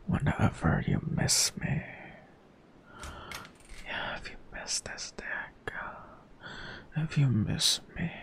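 A man's voice: on the high side, vocal fry, a bit bright, full character voice. A man playing an aroused boyfriend in an intimate whispered role-play, breathing his words right into the listener's ear.

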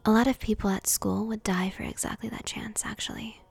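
A woman voicing a sharp-tongued, popular teenage girl with cranky retorts in a whispered role-play. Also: medium pitch, level tone, fairly quick, vocal fry, slightly rough, no echo.

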